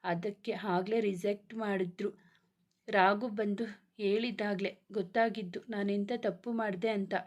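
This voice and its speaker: A woman's voice: mid-range voice, fairly even intonation, unhurried, a little mellow, close to an everyday voice. A woman reading a story aloud and voicing a poor, earnest young man who pleads tenderly with the girl he loves. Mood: pleading.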